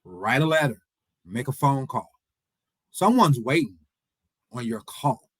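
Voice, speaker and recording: A man's voice: mid-range voice, big pitch swings, measured pace, husky, no room sound, low-quality recording. A man in his forties giving an earnest motivational speech, repeating his points and imploring the audience. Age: 40s. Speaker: motivational speaker. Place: event hall.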